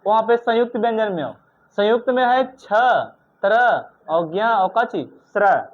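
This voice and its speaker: A stern male teacher in a classroom drills his students with repeated questions and sharp scolding. His voice sits high for a man. The sound is thin and tinny, like a phone line. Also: normal speed. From India. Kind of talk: classroom grammar lesson.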